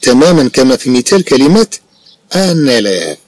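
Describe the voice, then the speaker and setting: A Moroccan man teaching a French lesson, reading French sentences slowly and explaining them in Arabic and Moroccan Darija. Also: mid-range voice, sing-song, a little mellow, dry recording. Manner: slow, deliberate French read-aloud, then explains in Arabic and Moroccan Darija. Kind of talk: bilingual classroom lesson explaining a textbook.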